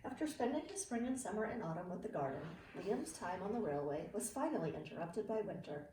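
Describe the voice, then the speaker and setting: A middle-aged early learning teacher reads a storybook to her young students with very animated, expressive intonation and clear phrasing. Her medium-pitched voice moves fairly quickly, captured by a distant mic in a roomy space with faint noise.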